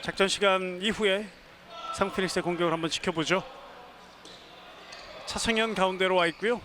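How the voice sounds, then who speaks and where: A high-voiced man calls a live handball game over clearly audible hall noise. He works as the play-by-play announcer, following each pass and given to excited, drawn-out shouts on scoring plays. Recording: clear arena noise behind the voice.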